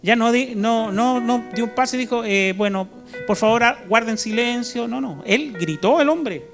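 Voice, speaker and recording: A man with a Chilean accent preaching a sermon to his congregation, animated, constantly checking in with "¿cierto?" and bursting into loud shouts. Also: very high-pitched, moderate pace, faint music behind. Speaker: pastor. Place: church service.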